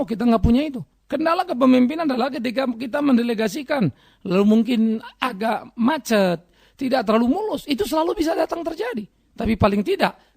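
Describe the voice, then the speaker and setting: A man's voice: extremely high pitch, gravelly, a little mellow, slightly rough, no echo, studio quality. A man preaching a sermon emphatically, asking rhetorical questions and addressing listeners as brothers and sisters. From Indonesia. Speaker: pastor.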